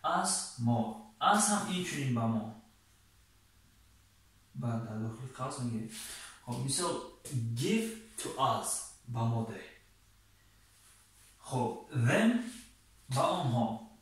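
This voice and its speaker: Male teacher with a Tajik accent, measured and deliberate, heard from a distance in a very reverberant room. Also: mid-range voice, big pitch swings. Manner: reads English examples slowly, then translates briskly. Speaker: English teacher. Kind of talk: language lesson. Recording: very echoey room, voice far from mic.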